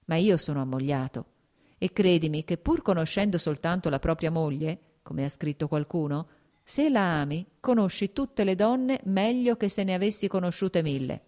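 A woman reading the lines of a married, worldly male officer who talks his friend round, in a measured, persuasive way. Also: lowish voice, lively intonation, mellow, natural voice.

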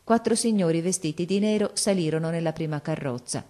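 A woman narrating a classic novel as an audiobook, with measured, expressive storytelling. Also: lowish voice.

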